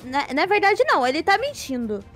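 Woman playing bratty brazilian girl in a minecraft roleplay, super high squeaky voice, faint music behind. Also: big pitch swings, fairly quick, fairly bright tone, heavily acted. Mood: teasing. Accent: Brazilian Portuguese. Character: cheeky bratty girl Amandinha. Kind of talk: Minecraft role-play.

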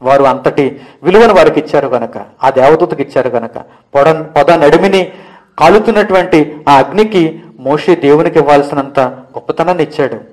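A man's voice: a little high, normal speed, a little mellow, rough recording. A man teaching a Bible lesson, preaching with rising emphasis and firing off rhetorical questions. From India.

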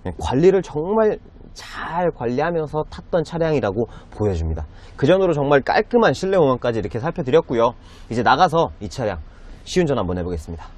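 A man's voice: mid-range voice, big pitch swings, quick pace, darkish tone. A man in his thirties presenting a car as a used car dealer, with polite, enthusiastic salesman patter in a casual walkaround style. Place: inside a car and in an underground car park.

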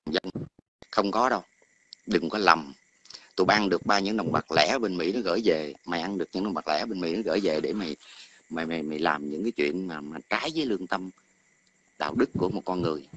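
A man's voice: deep voice, fairly bright tone. A middle-aged man calls in to an online talk and scolds someone at length, often repeating words as he hunts for the next one. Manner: berating, repeats words while searching for them. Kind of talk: heated scolding rant. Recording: noisy line with clicks.

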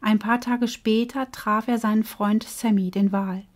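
Woman storyteller, calm and measured, reads a fable for children and grown-ups. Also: mid-range voice. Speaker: coach and storyteller. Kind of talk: storybook reading for children and adults.

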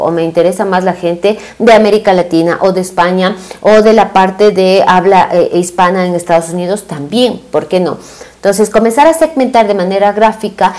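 A woman's voice: mid-range voice, a little mellow. A woman in her thirties presents a business webinar over a video call. She explains step by step, dropping fillers and tag questions as she goes, and moves her hands while she talks. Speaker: business and marketing consultant. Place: indoor room, small webcam inset.

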